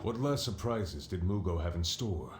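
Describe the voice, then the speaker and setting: An actor playing a gruff, world-weary old sea captain in a video game, fond of drink and wistful, talking like a salty seafarer. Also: male voice, low voice, lively intonation, moderate pace, echoey room, background noise. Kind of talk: video game character dialogue.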